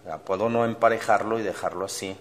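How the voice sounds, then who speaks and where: A man's voice: on the low side, fairly even intonation, quick pace. A man teaching an online acrylic painting class, explaining each step as he paints and often adding tag questions. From Mexico. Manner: explains step by step while painting, thinking aloud. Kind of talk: online art class demonstration.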